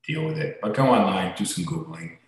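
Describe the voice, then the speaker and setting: A man's voice: on the low side, sing-song, a little fast. A male podcast host chatting in a casual, opinionated and blunt way in an empty room that echoes like a cave. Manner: blunt, swearing.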